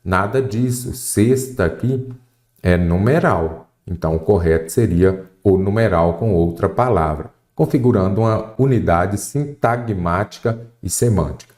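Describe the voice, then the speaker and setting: A man's voice: on the low side, a little slow, darkish tone. A Brazilian man teaching an exam-prep grammar lesson, explaining step by step and often checking in with the student. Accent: Brazilian Portuguese. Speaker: Portuguese teacher.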